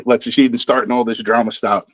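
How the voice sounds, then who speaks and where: A man's voice: mid-range voice, fairly even intonation, fast, a bit bright, no room sound. A man calling in to a sports show for casual fan chat. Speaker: caller. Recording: dull band-limited phone-in line.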